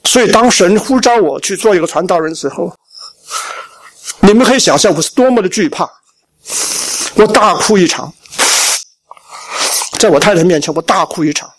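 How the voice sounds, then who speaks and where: A middle-aged man from Shandong preaching a personal testimony, with a high voice that swoops lively up and down. He tells his story vividly and slips into the voices of his father and family as he goes. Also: normal speed, long pauses. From Shandong, China. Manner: storytelling, acting out family dialogue. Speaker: pastor. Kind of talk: sermon testimony.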